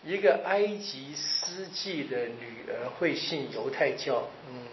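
A man's voice: mid-range voice, expressive, slight background noise. Man lecturing on scripture in a roomy hall. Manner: conversational, often checks in with the audience with rhetorical questions; ends phrases with drawn-out particles. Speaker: Bible lecturer. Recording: roomy, slightly dull recording.

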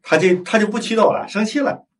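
A man preaches in a storytelling way, slipping into the voices of the people in his tale and often asking his listeners for agreement. His voice sits a little higher than most men's. He is heard from some distance from the microphone. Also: quick pace. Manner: animated, acts out dialogue, frequent tag questions. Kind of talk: storytelling sermon.

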